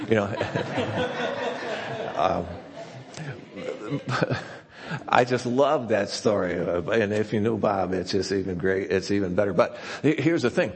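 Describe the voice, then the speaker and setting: Deep gravelly pastor in a reverberant hall. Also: male voice, moderate pace, few pauses. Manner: conversational and folksy, with frequent restarts. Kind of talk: sermon. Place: church sanctuary.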